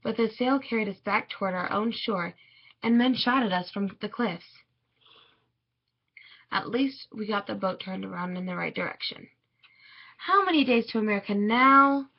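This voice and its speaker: A woman reading a children's picture book aloud in a measured, expressive way. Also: mid-range voice, creaky, husky. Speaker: storybook reader. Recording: dull lo-fi recording.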